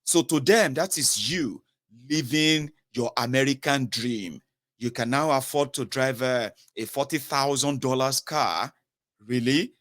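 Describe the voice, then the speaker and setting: Speaking directly to the viewer, this southern-accented Nigerian man in his thirties offers forceful political commentary, questioning his audience and mixing in pidgin phrases. His pitch is medium, his tone a bit bright, and his pace measured.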